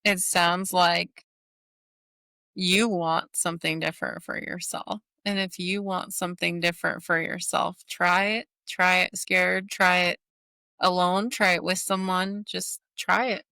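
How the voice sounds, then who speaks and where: A woman guest on a podcast, giving slow, emphatic encouragement. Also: fairly low pitch, level tone, creaky, sharp tone, no room sound, clean studio sound. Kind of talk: casual chat.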